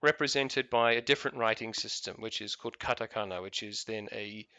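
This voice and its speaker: A man's voice: lowish voice, fairly quick, pushed and bright, dry recording. A man with a New Zealand accent chatting casually while playing a game, rambling with lots of fillers and restarts. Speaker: gaming video host.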